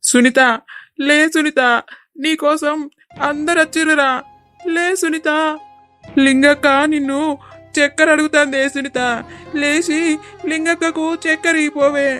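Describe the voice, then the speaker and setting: A woman plays a guilt-ridden young husband from a village in a cartoon, pleading and weeping. The voice is high and flat in tone. Soft music plays under it. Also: a little slow, pauses often. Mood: grieving. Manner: pleading, tearful and repetitive. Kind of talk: cartoon voice acting.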